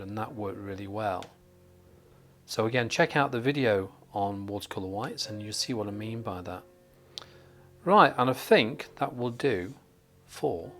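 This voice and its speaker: Chatty man from northern England teaching. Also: mid-range voice. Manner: chatty and jokey, thinking aloud while painting. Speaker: watercolour tutor. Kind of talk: live painting tutorial. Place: painting desk under studio lights.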